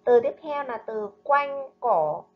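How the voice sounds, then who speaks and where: A woman teacher leads a recorded reading lesson for small children, pronouncing every syllable slowly and distinctly. Her voice sits a little high. The voice-over has a slightly muffled, lo-fi sound. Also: expressive. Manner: slow, careful, clearly enunciated reading and drills. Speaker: primary school teacher. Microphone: voice-over narration over slides.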